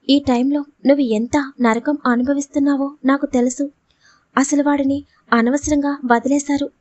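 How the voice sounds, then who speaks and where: A frightened young woman in an audio storybook, pleading and firing off worried questions, read by a woman. Her voice is high and bright, and the recording is dry, with nothing behind it. She sounds tense and urgent throughout. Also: no room sound, natural voice. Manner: anxious, pleading, rapid questions. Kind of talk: storybook reading.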